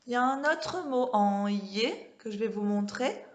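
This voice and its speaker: In a classroom with a board, a woman who teaches primary school guides small children through a home-schooling reading lesson, drawing out each word carefully. She sounds animated, with a slightly high voice and an unhurried pace. She frequently stops to ask whether the kids understand.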